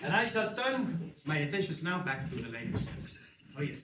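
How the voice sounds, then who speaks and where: An actor with a Spanish accent playing a flirtatious, cheeky gentleman in a live theatre, teasing the audience in broken English. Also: a little high, sing-song, normal speed. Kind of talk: stage performance with audience interaction. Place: theatre auditorium. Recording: roomy theatre recording from far off, with hall noise.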